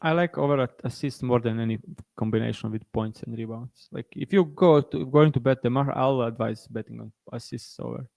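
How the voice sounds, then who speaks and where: Gravelly Croatian-born betting co-host. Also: male voice, mid-range voice, a little mellow, dry recording. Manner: halting, many restarts and fillers. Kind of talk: casual podcast chat.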